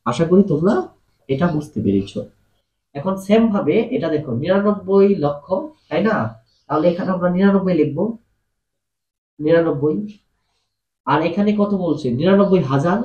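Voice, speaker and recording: A man's voice: high voice, moderate pace, long pauses, dull audio. A man teaching a math lesson, explaining patiently and asking his students questions as he goes. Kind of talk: classroom-style math lesson. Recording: echoey room.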